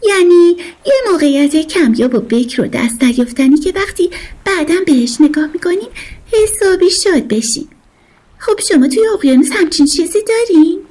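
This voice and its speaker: A squeaky excited little winged creature. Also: female voice. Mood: eager. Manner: bubbly, fast, pleading. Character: excitable childlike winged creature photographer, eager.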